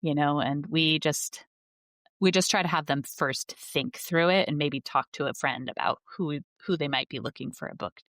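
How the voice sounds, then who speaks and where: A woman with a low voice talks about her library work in an earnest, conversational way. She uses lots of fillers and restarts. The sound is dry and close. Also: normal speed, fairly bright tone, no room sound. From United States. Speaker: school librarian, guest. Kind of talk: casual conversation.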